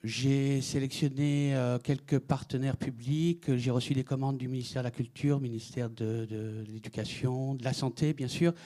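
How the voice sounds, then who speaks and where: A man's voice: medium pitch, fairly even intonation, moderate pace, hardly any pauses, warm tone. A middle-aged man from France giving a conference talk, hesitant, with many fillers and restarts. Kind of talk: conference presentation.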